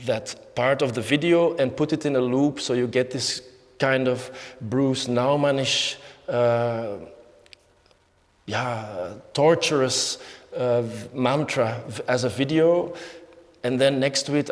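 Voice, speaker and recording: A man lectures about his own art at an unhurried pace, often stopping to search for words and restarting his sentences. His voice is of medium pitch and trails into a long reverb, as in a large hall. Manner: halting, many fillers and restarts. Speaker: artist giving a lecture. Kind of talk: unscripted lecture.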